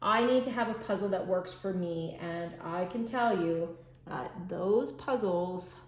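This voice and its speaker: A woman's voice: lowish voice, unhurried, roomy sound. A tired woman hosting a puzzle channel from home, chatting unscripted and rambling with lots of fillers, sometimes dropping to mutters as she works. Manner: drops to mutters and whispers while working the puzzle. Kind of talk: unscripted chat while doing a puzzle.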